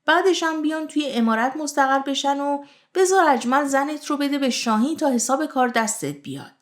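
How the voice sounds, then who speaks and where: A woman's voice: high-pitched, expressive. A woman voicing a bitter, scolding middle-aged mother-in-law, accusing and taunting. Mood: scornful.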